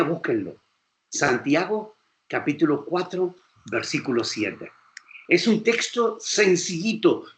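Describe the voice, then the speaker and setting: A man's voice: a little high, roomy sound. A male pastor with a Spain Spanish accent, preaching emphatically and acting out quoted voices. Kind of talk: sermon lecture.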